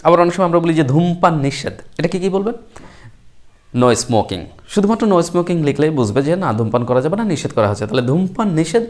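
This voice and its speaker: A man teaching spoken English, explaining each sentence and repeating the English phrases slowly, sometimes spelling words out letter by letter. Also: fairly high pitch, expressive.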